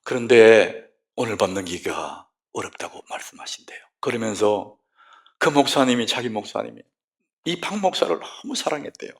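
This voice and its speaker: A middle-aged man preaching in a church with a gravelly, rough-edged voice. His pitch rises and falls widely as he swings from near-whispers to loud exclamations. He speaks as a pastor addressing his congregation. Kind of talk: sermon. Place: church sanctuary.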